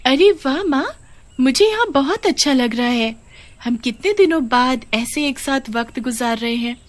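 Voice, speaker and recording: A woman voicing a young girl in a cartoon story, with a high childlike pleading voice. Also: animated, normal speed. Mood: delighted. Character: young girl, grieving and loving daughter.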